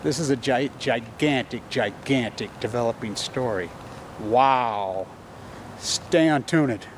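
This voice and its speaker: A man's voice: mid-range voice, takes it slowly, slight background noise. A man in his fifties ranting urgently and profanely into a phone camera held at arm's length outdoors. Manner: agitated, profane, urgent shouting rant. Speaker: video blogger. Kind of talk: angry selfie rant. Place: outdoors on a campus lawn.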